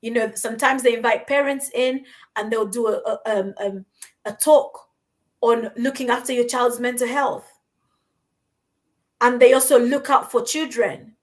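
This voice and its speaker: This podcast host, a woman from Uganda living in London, has a fairly high voice with fairly even intonation at normal speed. Her conversational talk comes across as earnest and encouraging, and she frequently repeats words.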